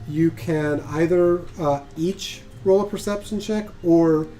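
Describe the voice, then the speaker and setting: Mellow-voiced man running a tabletop game. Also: a little high, takes it slowly, faint music behind. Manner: chatty, laughs often, many restarts. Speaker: game master.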